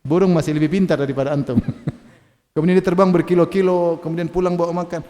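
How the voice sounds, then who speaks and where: High-voiced Indonesian man preaching in a mosque. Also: fast, in a large hall. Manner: animated and joking, reciting Arabic verses. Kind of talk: sermon.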